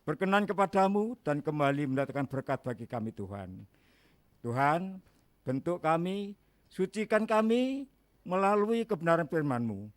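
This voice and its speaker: A man leading an earnest, measured prayer before the sermon. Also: fairly high pitch, dry recording. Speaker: worship leader leading prayer. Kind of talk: church prayer.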